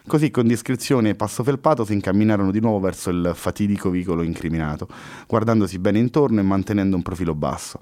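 A man reading a story aloud in a measured, expressive way. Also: on the low side. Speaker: narrator.

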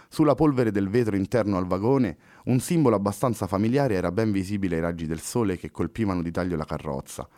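A man narrating a novel in a steady, measured audiobook reading. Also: on the low side, no room sound.

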